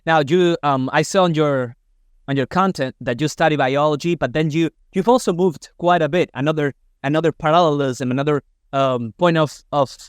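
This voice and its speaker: A man's voice: fairly high pitch, normal speed, clear, resonant tone, dry recording, clean studio sound. A man whose first language is Spanish, hosting a podcast interview and hesitating as he searches for his English words. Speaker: podcast host. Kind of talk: casual interview.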